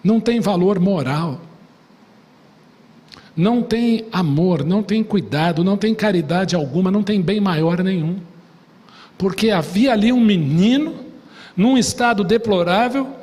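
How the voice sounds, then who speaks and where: Brazilian male pastor, high-pitched, dramatic sermon delivery, recorded in a reverberant church. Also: unhurried. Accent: Brazilian Portuguese. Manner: dramatic retelling, voicing the desperate father in soft low tones. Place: church sanctuary. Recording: long reverb of a church hall.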